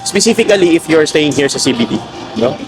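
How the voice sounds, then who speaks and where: A man's voice: fairly high pitch, animated, brisk, music in the background. A man with a Filipino accent, chatting casually to viewers while walking through a city at night. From Philippines. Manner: chatty, mixes Tagalog and English, addresses viewers as guys. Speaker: travel vlogger. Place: city street at night, outdoors. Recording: noisy outdoor street recording. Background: street and traffic noise.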